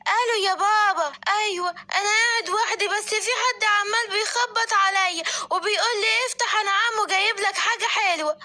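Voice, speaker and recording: A woman's voice: very high voice, brisk, hardly any pauses, sharp tone, voice pushed up. A woman with an Egyptian accent voicing a small, frightened, obedient lion cub in a children's bedtime story. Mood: scared. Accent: Egyptian Arabic.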